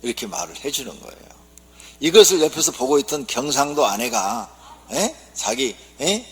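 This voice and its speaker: A male pastor opening his sermon by telling jokes in a lively storytelling manner. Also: mid-range voice, moderate pace, gravelly, husky. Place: church sanctuary. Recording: long church reverb.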